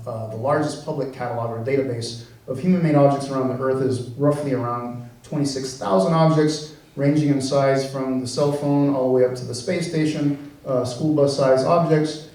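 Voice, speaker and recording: Man lecturing in a very echoey hall. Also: mid-range voice. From born in the US, raised in Venezuela. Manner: relaxed, conversational, many fillers and restarts. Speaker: engineering professor giving a talk. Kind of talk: public science talk. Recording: very echoey room, mic far off.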